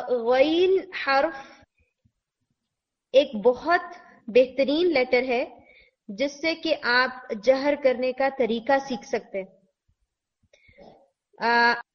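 A woman teacher, giving a recorded pronunciation lesson, patiently demonstrating sounds and repeating examples slowly. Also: high voice. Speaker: tajweed teacher. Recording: dull lo-fi recording.

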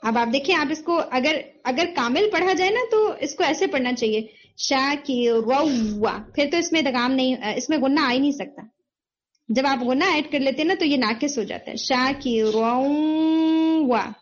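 A woman's voice: high voice, animated, brisk, lo-fi sound. A woman teaching Quran recitation rules, patiently quizzing her students and confirming their answers as she explains, mixing in English terms.

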